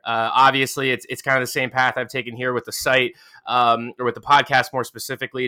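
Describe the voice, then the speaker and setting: A man's voice: mid-range voice, sharp tone, clear, resonant tone. A man hosting a casual podcast interview, chatty and joking, with many fillers and restarts. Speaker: podcast host.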